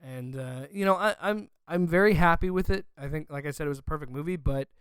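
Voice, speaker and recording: Emotional young man, smooth clear voice. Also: a little high, a little fast, fairly bright tone, no room sound. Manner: emotional and gushing, with frequent fillers. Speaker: podcast host. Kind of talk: casual movie review chat.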